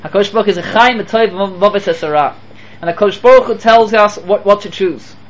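A man giving a Torah lecture as a rabbi. He mixes Hebrew and Yiddish terms into his English and swings between emphatic and hushed delivery. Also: high-pitched, a little fast, muffled recording.

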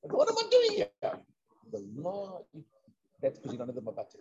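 A man with a high-pitched, slightly rough voice teaches an informal Torah discussion at normal speed. He's excitable, repeating himself and mixing in Hebrew and Yiddish terms, and the recording is dull and lo-fi.

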